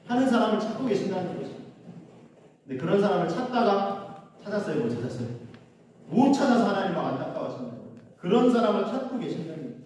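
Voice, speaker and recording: A man's voice: high-pitched, sing-song, fast talker, darkish tone, slight background noise. A man preaching a sermon as a pastor, asking the congregation questions as he goes. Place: church sanctuary. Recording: echoey church hall, mic from a distance.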